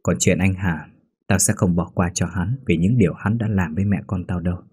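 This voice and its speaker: A man's voice: sits low, a little fast, darkish tone, slightly rough. A man voicing a young, hot-tempered businesswoman who is a new mother, with a raised, tearful voice. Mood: cold. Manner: tearful, sobbing pleas.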